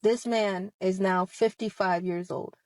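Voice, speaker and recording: A woman of about thirty, with a medium-pitched, fairly even, darkish voice, speaks at a measured pace with no room sound. As an online video host, she gives impassioned testimony about her own experience straight to her audience, emphatic and confrontational and leaning heavily on rhetorical questions.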